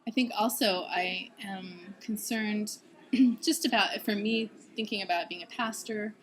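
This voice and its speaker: In a low-quality recording, a woman in her thirties who studies at a seminary responds thoughtfully to an interviewer. She speaks at a middle pitch, breaks into laughter frequently, and hesitates with um between thoughts.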